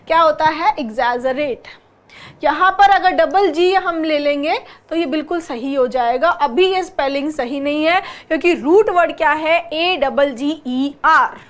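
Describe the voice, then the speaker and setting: A woman's voice: high voice, normal speed. A woman teaching an exam-prep English class. She explains patiently, spells words out letter by letter, and keeps checking with rhetorical questions.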